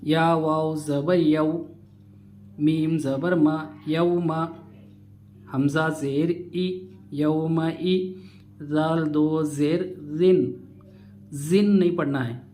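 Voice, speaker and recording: Slow-spelling male Quran reading teacher. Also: on the high side, steady tone, darkish tone, a little hiss or hum. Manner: spells letters and vowels aloud, then explains rules briskly. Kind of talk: slow spelled-out recitation lesson.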